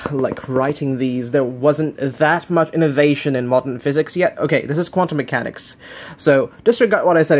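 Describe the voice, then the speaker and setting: Young male unboxing host, slightly high-pitched, casual and hesitant, thinking aloud with self-corrections. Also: darkish tone. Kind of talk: casual unscripted unboxing commentary. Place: living room, indoors.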